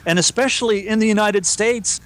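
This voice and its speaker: A man co-hosting a podcast, chatting in a relaxed way and reading listener emails aloud. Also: high-pitched, brisk. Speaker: podcast co-host. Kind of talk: casual podcast discussion.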